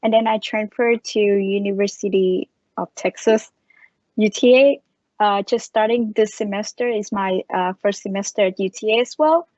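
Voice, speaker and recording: A woman's voice: mid-range voice, fairly even intonation, normal speed, a little mellow, no echo, dull audio. Young woman, dry sound. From Vietnam. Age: young adult. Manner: plain, slightly broken English. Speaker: engineering student ambassador. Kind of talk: self-introduction on a panel.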